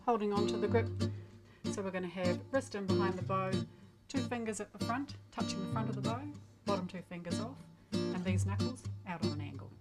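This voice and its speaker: A woman coaching archery in plain, measured step-by-step instructions. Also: mid-range voice, over loud music.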